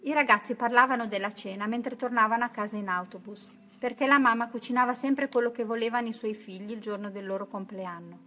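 Female storybook narrator, slightly high voice, clear and expressive. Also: fast talker, hardly any pauses. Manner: expressive, even-paced storytelling. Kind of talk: children's story read-aloud.

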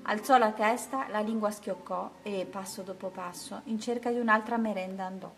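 A woman reading a children's picture book aloud in a gentle, rhythmic way. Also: mid-range voice, moderate pace, faint music behind. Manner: gentle, rhythmic, rhyming delivery. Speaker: storyteller.

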